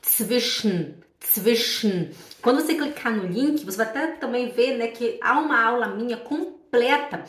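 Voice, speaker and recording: A Brazilian woman teaching German pronunciation in a lively way, slowing down to show each sound. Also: on the high side, distant mic. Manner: animated, demonstrating sounds slowly. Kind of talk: pronunciation lesson. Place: Switzerland. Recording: echoey room, voice a bit off-mic.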